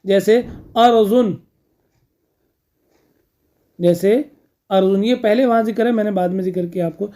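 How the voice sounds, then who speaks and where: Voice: medium pitch, unhurried, long pauses, mellow. A grammar teacher lecturing a class, repeating key terms, posing questions and answering them, with frequent checking fillers.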